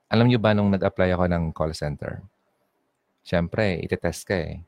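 Hosting a relaxed call-in show as an online radio DJ, this young Bicolano man from the Philippines switches between Tagalog and English and reads listeners' messages aloud. He speaks at a moderate pace in a low, gravelly, somewhat dark voice, recorded dry.

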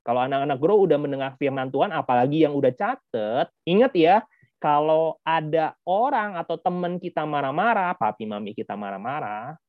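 A man's voice: on the high side, no echo. A man teaching a children's church lesson over a video call, acting out angry kids' lines and quizzing the class. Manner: lively, acts out angry kids' quotes, asks questions. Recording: dull lo-fi video call audio.

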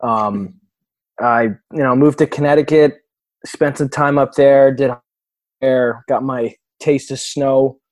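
A young man with a New York accent, a guest on a podcast, talking loudly and joking with his friend. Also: medium pitch, steady tone, slow pace, no echo. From South Florida. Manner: loud, boisterous and joking. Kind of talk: casual podcast conversation.

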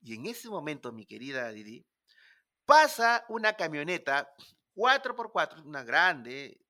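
Peruvian guy spinning a wild story, bright sharp voice, pitch jumping all over. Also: measured pace. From Peru. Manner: animated, dramatic storytelling with acted-out dialogue. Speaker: guest storyteller. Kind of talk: casual storytelling interview.

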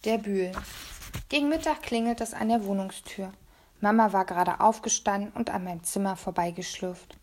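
A woman reading a first-person children's story aloud in a lively storytelling manner. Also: medium pitch, moderate pace. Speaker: audiobook reader.

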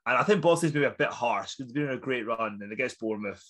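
On a laid-back football podcast, this Scottish co-host, a young adult man, races through his words with animated energy. His medium-pitched voice has a fairly bright tone, and he rambles with plenty of fillers and laughter.

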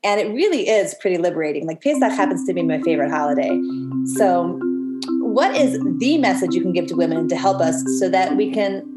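A woman's voice: lowish voice, lively intonation, fairly quick. A woman podcast host chatting casually and enthusiastically with a guest. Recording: roomy sound with faint music.

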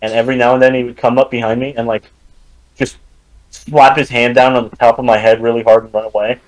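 A teenage boy, guest on a casual podcast, telling stories in a deadpan, rambling way. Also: mid-range voice, fast, low-quality recording. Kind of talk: casual chat.

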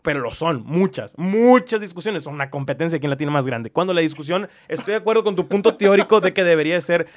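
Talk it through like you're on the couch with your best friend: a young Mexican man with a slightly high voice. You ramble, drop slang and swear words freely, and loop back on your own stories. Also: animated, fast talker, few pauses. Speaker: podcast co-host. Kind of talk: casual chat.

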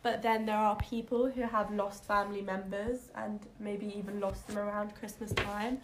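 A teenage girl from Poland speaks as a podcast guest. She is reflective and soft-spoken, with a mid-range pitch. Faint room ambience sits behind her. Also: level tone, normal speed, background noise. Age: teens. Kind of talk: casual chat.

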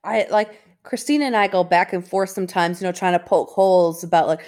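A woman's voice: lowish voice, brisk, a little mellow. A woman co-hosting a casual podcast in an informal, self-deprecating way, with trouble saying her R sounds. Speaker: podcast co-host.

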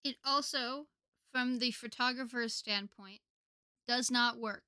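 A young woman from the United States chats easily as a podcast co-host. She talks loosely, with plenty of fillers and quick laughs. The sound is close and dry. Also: a little high, pushed and bright, clear, resonant tone, no room sound. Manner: chatty, laughs often, many fillers. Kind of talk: casual chat.

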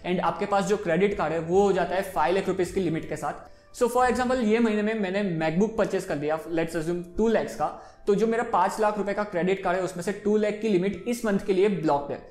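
A man's voice: sits high, a little mellow, reverberant. A man in his twenties explaining personal finance in a casual, chatty way, switching freely between Hindi and English. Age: 20s. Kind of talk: casual explainer talk to camera.

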